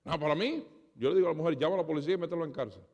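A pastor preaching a sermon, dramatic, acting out conversations and swinging between loud and soft. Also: male voice, a little high, racing, lo-fi sound. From Spanish heritage. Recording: reverberant hall.

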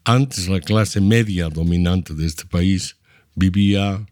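A man in his seventies with a Bolivian Spanish accent, a guest in an interview, recalling his upbringing in a measured, explanatory way. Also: deep voice, a little mellow, no room sound, clean studio sound. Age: 70s. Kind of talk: reflective storytelling.

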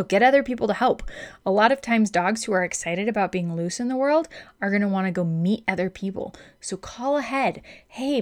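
A woman, a dog trainer, giving upbeat, chatty, emphatic advice in a casual instructional talk. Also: mid-range voice.

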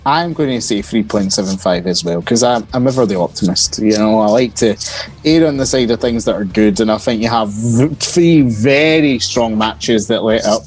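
A man's voice: lowish voice, normal speed, a little mellow. A man hosting a casual wrestling panel podcast, talking in a conversational way. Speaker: podcast host.

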